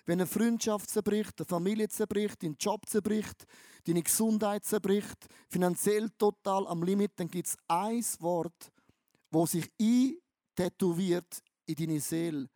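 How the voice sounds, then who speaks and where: A preacher delivers a sermon in a warm, mid-range voice, recorded with studio quality and no room sound. He speaks emphatically, repeating phrases for effect and telling stories packed with slang.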